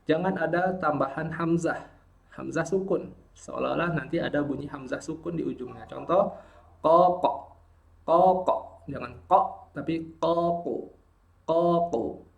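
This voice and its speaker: A man's voice: a little high, moderate pace, creaky, darkish tone. A man teaching Quran pronunciation, patiently modelling syllables again and again. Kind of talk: pronunciation lesson.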